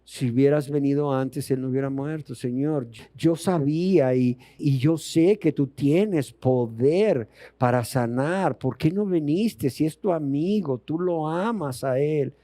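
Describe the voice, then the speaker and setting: A grieving woman pleads softly and reproachfully, voiced by a man preaching a sermon. The voice is a little lower and quieter than ordinary speech, and it stays close and dry. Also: measured pace, hardly any pauses, dry recording, lightly acted. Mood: pleading.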